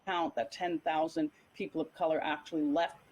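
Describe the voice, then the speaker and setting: A woman's voice: low-pitched, level tone, normal speed, a little mellow, muffled recording. A woman on a panel, speaking emphatically over a video call whose audio keeps cutting out, so her volume is uneven. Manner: emphatic, repeats points. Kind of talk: online panel discussion.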